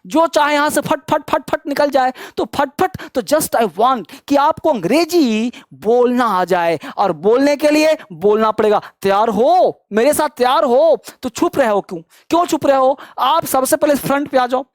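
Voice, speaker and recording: A man's voice: very high-pitched, expressive, no echo, studio quality. A man teaching a spoken English lesson, urging learners on and drilling example sentences in rhythmic repetition. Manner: slows to a deliberate, syllable-by-syllable pace when modelling sentences. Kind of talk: energetic online grammar lesson with call-and-response drills.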